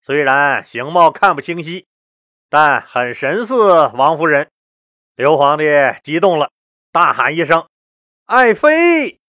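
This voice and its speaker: A male podcast host telling old court history in a lively, chatty way, often stopping to ask the listener questions. His voice sits fairly high for a man. The recording is dry and close, with no room sound. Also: unhurried, dry recording. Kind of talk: colloquial history storytelling.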